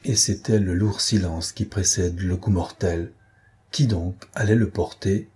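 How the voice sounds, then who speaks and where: A man narrating a literary audiobook with measured, dramatic storytelling. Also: low voice, steady tone, darkish tone, slightly rough.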